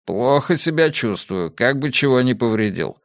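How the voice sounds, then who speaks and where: A man voicing a bold male warrior leader who calls out a challenge in a loud, raised voice. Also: medium pitch, animated, normal speed, no room sound, studio quality, close to an everyday voice. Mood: weary.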